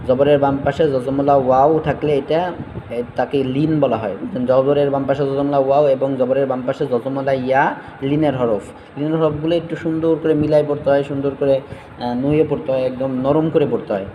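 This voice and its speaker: A man teaching Quran recitation, spelling out letters syllable by syllable and chanting verses slowly between quick explanations. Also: medium pitch, long reverb tail, muffled recording, slight background noise.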